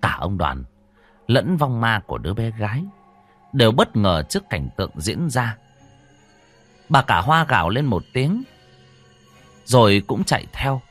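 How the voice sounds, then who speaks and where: A man narrating a horror story in a dramatic, expressive storytelling manner. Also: lowish voice, measured pace, pauses often. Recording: dry close voice over faint music.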